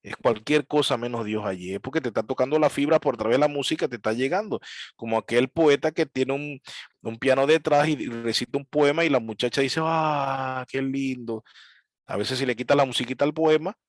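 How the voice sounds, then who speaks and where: Animated church teacher, man. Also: mid-range voice, quick pace, no echo. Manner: lively storytelling, mimics piano sounds and preachers. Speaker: Bible teacher. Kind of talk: church class lecture.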